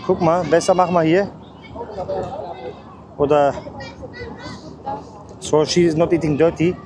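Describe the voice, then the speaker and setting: A man vlogging on a city street, chatting casually and coaxing stray cats with soft hissing calls, mixing in English and Turkish words. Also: on the high side, fairly even intonation, slow, a crowd in the background. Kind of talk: casual vlog chat. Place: outdoors on a city street by the bay. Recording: noisy outdoor street audio.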